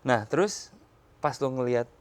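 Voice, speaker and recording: A man hosts a relaxed interview in a mid-range voice. He backs his guest with steady short affirmations and moves freely between Indonesian and English phrases. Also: mid-range voice, moderate pace. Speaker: host. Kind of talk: casual interview.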